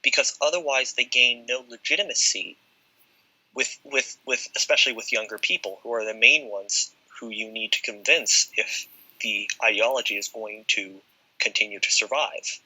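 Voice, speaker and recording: A man talking as a guest in a casual discussion, quick and emphatic, in a poor recording with popping. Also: medium pitch, sharp tone, breathy edge.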